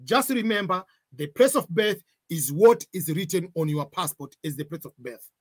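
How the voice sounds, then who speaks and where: A man's voice: high-pitched, expressive, normal speed, breathy edge. A man, walking viewers through a form in a screen-share tutorial and repeating examples with warnings. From Tanzania. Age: 40s. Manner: repeats points, gives examples, cautionary tone. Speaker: online tutor.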